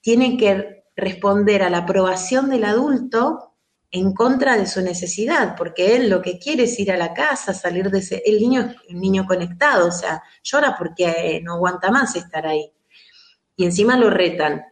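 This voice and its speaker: An earnest woman with a Rioplatense Spanish accent talks things through as an interview guest. She explains at length in a relaxed conversational way and now and then acts out the voices she quotes. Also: mid-range voice, normal speed. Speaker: guest speaking on child rearing.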